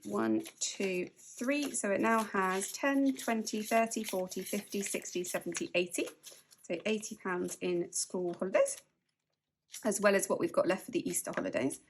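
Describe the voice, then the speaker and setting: A woman's voice: mid-range voice, normal speed, slight background noise. A woman vlogger from the UK chatting casually while she counts cash aloud and laughs often. She sounds a bit spaced out from medication. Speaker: budgeting vlogger.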